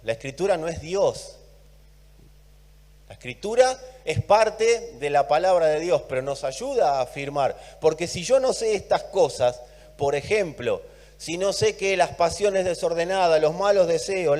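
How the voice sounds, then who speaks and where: A man with an Argentine accent preaching a sermon, emphatic, swinging between loud and soft and repeating words for emphasis. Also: high voice, expressive, measured pace, big-room sound. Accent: Argentine Spanish. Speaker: pastor.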